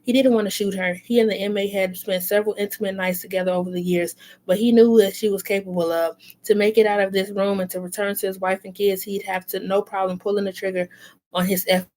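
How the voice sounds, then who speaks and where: A woman's voice: medium pitch, fairly even intonation, fast talker, a little mellow, poor audio. A woman reading a novel aloud, with occasional self-corrections and brief asides. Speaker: reader.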